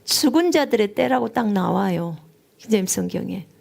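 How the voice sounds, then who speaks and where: A woman missionary preaching a sermon, telling her story with strong emotion, at times rising high and near tears. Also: expressive, normal speed, creaky, a little mellow. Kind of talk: live-streamed sermon testimony.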